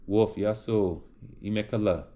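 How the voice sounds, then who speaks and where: A man with a lowish, dark voice hosts a casual live stream, speaking slowly as he reads out chat names and replies to viewers. His answers ramble loosely, with many restarts.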